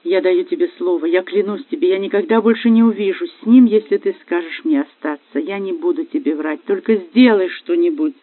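A man's voice: high voice, brisk, hardly any pauses, dry recording. A man doing a tearful pleading wife. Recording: dry, phone-like lo-fi.

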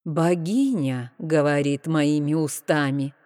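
A woman reading an audiobook, voicing a serene female temple priestess who speaks slowly, calmly and sternly. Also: low voice, in a large hall. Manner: slow, calm, stern.

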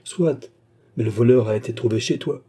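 A man's voice: medium pitch, normal speed, mellow, natural voice. Man playing a mocking scheming baronet. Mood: coldly sweet. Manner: smooth, mocking, falsely affectionate.

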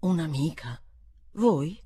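A woman voicing an anxious, simple older housekeeper who exclaims in high, breathless bursts. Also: lively intonation, slow, dark tone, husky, exaggerated voice. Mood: astonished.

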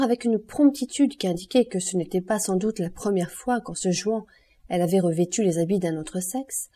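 A woman reading a classic novel aloud as an audiobook, in a measured, even storytelling manner. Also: mid-range voice. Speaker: audiobook reader.

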